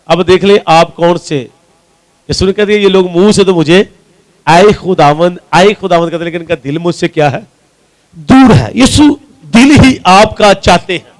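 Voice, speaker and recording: A male pastor from Pakistan with a Punjabi accent and a high-pitched voice preaches a sermon, posing questions to the congregation and answering them himself. He repeats key lines for emphasis, and the audio quality is poor.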